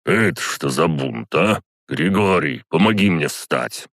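A man voicing a stubborn, imperious old count who talks slowly and with indignation, in a dry close recording. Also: very deep voice, lively intonation, fairly bright tone, dry recording, full character voice. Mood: commanding. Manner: slow, indignant and commanding. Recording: dry close studio sound.

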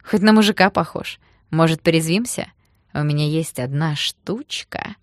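A woman voicing a brash, leering young male street thug with a slow mocking drawl. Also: medium pitch, expressive, creaky, dry recording, clean studio sound, voice pushed up.

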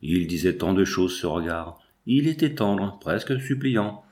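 A man narrating a classic novel in an audiobook, in a measured, even reading. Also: low-pitched. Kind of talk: scripted narration.

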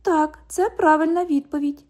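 Sarcastic twenty-year-old girl at a bank till, pitched up and mocking, warm tone; voiced by a woman audiobook reader. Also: fairly even intonation, normal speed, close to an everyday voice. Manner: mocking, cheeky, parrots the other speaker. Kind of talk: audiobook dialogue reading.

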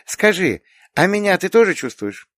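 A gentle, thoughtful young woman, as a male audiobook reader puts her on speaks softly and a little haltingly, in a lifted, lively voice. The sound is dry and close to the mic. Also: sits high, no echo, pitched above the performer's own voice. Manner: soft, hesitant, lifted voice. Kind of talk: audiobook character voice.

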